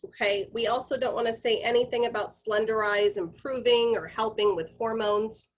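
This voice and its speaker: A woman's voice: a little high, fairly even intonation, normal speed, rough recording. A woman giving an informal corporate training presentation, explaining guidelines in a conversational, instructive way and addressing her group directly.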